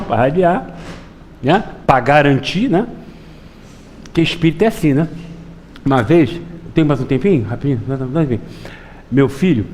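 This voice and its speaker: A middle-aged man giving a Spiritist public lecture, telling folksy stories and often asking the audience to agree. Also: slight background noise. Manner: lively storytelling with wide pitch swings.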